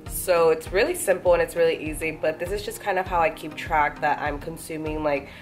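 A young woman with a fairly low voice chats through a casual vlog over clearly audible background music. She is bubbly and effusive, and she drops "like" and "you guys" into almost every sentence. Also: brisk. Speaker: lifestyle vlogger.

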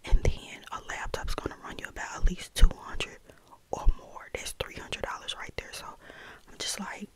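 ASMR vlogger: American woman, soft whisper right in the ear, breathy, close-miked, casual and unhurried chat. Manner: unhurried, chatty, close-up talking. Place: bedroom, indoors. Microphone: small desktop condenser mic held close.

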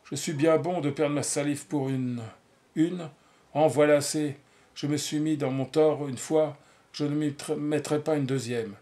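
A man's voice: a little high, fairly even intonation, a little slow, dark tone, lightly acted. A man reading the part of a jealous, wounded lover, speaking in a clipped, sneering way in a storybook reading. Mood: bitter. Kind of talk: audiobook reading of a novel.

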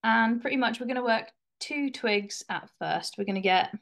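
A woman's voice: a little high, normal speed, vocal fry, fairly bright tone. A woman giving a chatty, informal craft demonstration in a live webinar, on a home video call. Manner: chatty, informal, with fillers and restarts. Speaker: craft presenter.

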